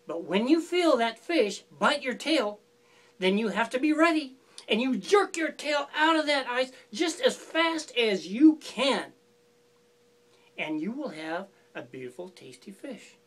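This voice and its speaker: A woman's voice: a little high, animated, measured pace. A woman voicing a sly male fox who gives falsely friendly, coaxing instructions in a folk tale. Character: sly scheming male fox, smooth talker.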